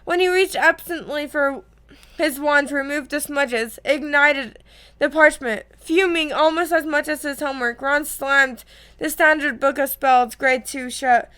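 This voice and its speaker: Woman casually reading a book out loud, lots of little slip-ups, bright high voice. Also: a little slow. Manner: casual, frequent slips and self-corrections. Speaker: reader. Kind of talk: reading a novel aloud.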